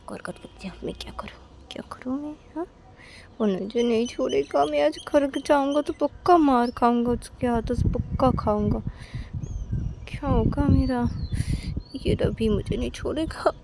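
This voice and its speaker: A woman's voice: fairly high pitch, normal speed, vocal fry, noisy background, voice pushed up. A woman voicing a scared young man in a home-made storybook tale, whiny and panicky. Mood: fearful.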